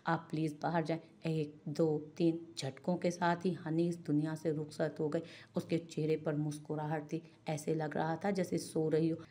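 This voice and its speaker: A woman narrating a romantic novel in a slow, solemn, even reading. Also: low-pitched. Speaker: audiobook narrator.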